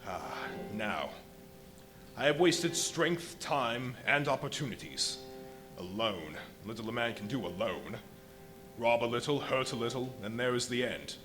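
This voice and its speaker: An actor in a live radio play playing a ruthless, megalomaniac invisible scientist, speaking in an imperious, deliberate, menacing way. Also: male voice, mid-range voice, lively intonation, lightly acted. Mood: scheming, deliberate. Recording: live stage recording with music underneath. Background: music.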